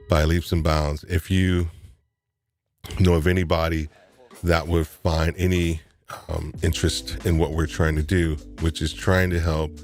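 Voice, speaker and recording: Deep-voiced New man, rambling host. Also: a little mellow. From New York. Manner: rambling, with frequent restarts and repeated words. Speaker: live stream host. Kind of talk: casual live stream chat.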